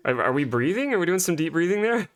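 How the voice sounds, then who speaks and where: A man's voice: high-pitched, big pitch swings, fast talker. A man streaming a game with casual live chat, in a playful, jokey manner.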